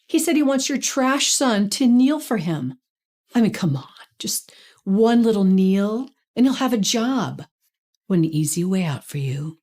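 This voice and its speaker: A woman's voice: mid-range voice, big pitch swings, unhurried, darkish tone. A sneering, snobbish aunt who looks down on her poor relatives, played by a woman. Her voice sits in an ordinary middle range and drips with scorn, in the style of a short online drama.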